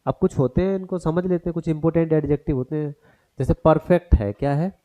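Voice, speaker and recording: A man's voice: on the high side, quick pace, warm tone. A man teaching a grammar lesson for exam prep, who turns each point into a question for the class and mixes English terms into his explanation.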